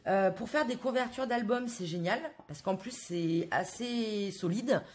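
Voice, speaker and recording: A woman's voice: medium pitch, a little slow. A woman from France in a casual haul video, chatting to her viewers with many hesitant fillers. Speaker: craft vlogger.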